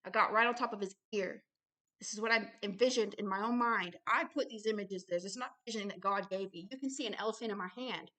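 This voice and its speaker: With a medium-pitched, slightly bright voice, this ministry host gives fervent religious testimony and exhortation while commenting on a book she reads aloud. Her manner is blunt and emphatic, and she hammers points home by repeating phrases.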